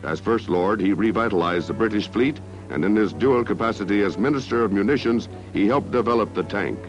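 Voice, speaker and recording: A man's voice: on the low side, brisk. A man narrating an old 1960s newsreel in a declamatory, stately manner, heard on a film soundtrack. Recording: dull lo-fi 1960s newsreel audio with music.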